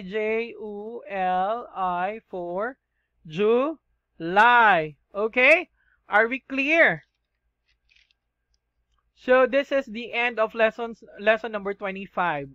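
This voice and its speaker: A man's voice: high-pitched, bright, forceful tone, no room sound, highs cut off. A man with a Filipino accent teaching a shorthand lesson, spelling things out letter by letter and checking in with the class. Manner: slow, spells letters one by one, checks in with "okay?".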